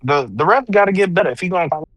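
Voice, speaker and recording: A man co-hosting a sports podcast, talking in an animated, teasing, slangy way. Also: high voice, racing, dry recording. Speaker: podcast co-host. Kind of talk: casual sports debate.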